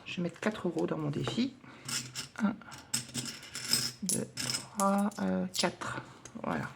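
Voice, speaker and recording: A woman's voice: on the low side, slow pace, creaky, noisy background. A woman vlogger at home, chatting casually and hesitantly with many fillers while counting coins for her budget challenges.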